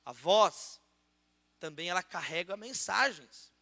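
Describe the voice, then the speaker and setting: A man with a Brazilian Portuguese accent preaching a sermon and praying in a church auditorium, switching between loud prayer and softer asides. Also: sits high, expressive, takes it slowly, gravelly, in a large hall. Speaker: pastor.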